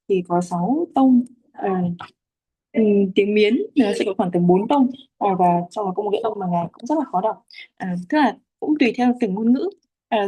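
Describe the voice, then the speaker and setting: A woman's voice: medium pitch, mellow. A woman from Vietnam, patiently explaining Pali chanting rules with frequent hesitations. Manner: patient, many fillers, spells out syllable lengths. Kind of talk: teaching explanation.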